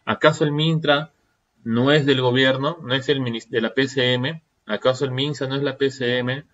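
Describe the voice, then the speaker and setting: A man's voice: mid-range voice, steady tone, moderate pace, fairly bright tone, muffled recording. A man giving a seminar lecture, firing off rhetorical questions and checking in with the audience. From Peru.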